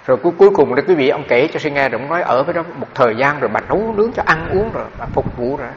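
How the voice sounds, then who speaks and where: A man's voice: fairly high pitch, lively intonation, racing. A man, a Buddhist monk, giving a dharma talk on meditation, telling stories with many repeated fillers. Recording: dull recording with long hall reverb and faint background noise.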